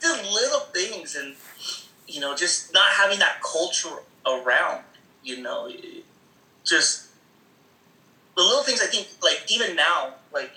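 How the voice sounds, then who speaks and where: A high-pitched man from the Seattle area, appearing as a guest, rambles through stories about growing up, full of fillers and frequent laughs, acting out quoted voices. His pitch swings widely, his tone is sharp, and he speaks a little slowly with long pauses. The reverberant recording is low quality.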